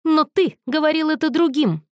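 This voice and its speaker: A woman's voice: high-pitched, big pitch swings, fairly quick, dry recording, clean studio sound, pitched above the performer's own voice. A woman voicing a volatile, bitter young man on the edge of breaking down, snarling and accusing in a raised voice. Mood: furious, accusing.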